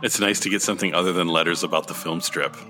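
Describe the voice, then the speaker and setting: A man with a low, forceful voice co-hosts a fan podcast. His delivery is casual chat, with faint music in the background. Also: steady tone, fast. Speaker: podcast co-host.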